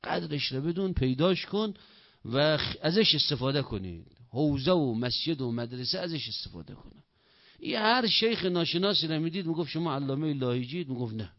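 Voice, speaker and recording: A man preaching a sermon who tells a story in an animated way and acts out its dialogue. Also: a little high, no echo. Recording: dull, lo-fi, dry recording.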